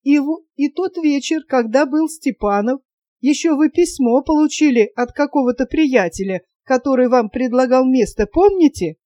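Чтица в роли болтливой самодовольной барыни. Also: female voice, high voice, animated, normal speed, mellow, no room sound. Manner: chatty and coquettish. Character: talkative, self-satisfied wealthy lady.

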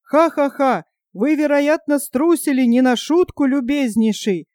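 A woman's voice: high-pitched, a little slow, darkish tone, dry recording, studio quality. A woman reading the part of a boastful, cowardly male companion who brags with fussy bluster. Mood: bragging.

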